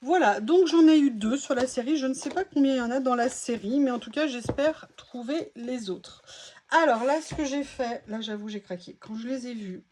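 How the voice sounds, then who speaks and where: A woman's voice: sits high, normal speed, a little mellow, slight background noise. A woman vlogger chatting casually through a craft haul, exclaiming as she reacts to each item.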